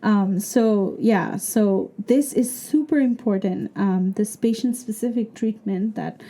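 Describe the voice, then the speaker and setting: Speaking slowly with a dark-toned, medium-pitched voice, a woman from Bangladesh answers in an interview. She's a PhD student with a Bangladeshi accent, and she describes her research carefully, with lots of fillers.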